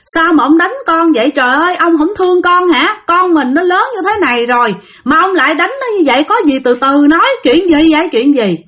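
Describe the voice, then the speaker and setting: A woman's voice: high voice, expressive, normal speed, a bit bright, pitched above the performer's own voice. A woman voicing a distraught middle-aged mother who wails and pleads. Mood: pleading. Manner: wailing, pleading.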